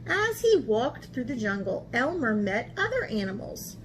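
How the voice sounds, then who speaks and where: An art teacher hosts a kids' storytime, reading a picture book aloud in a high voice. She is unhurried yet animated and asks her listeners questions. There's slight noise in the recording.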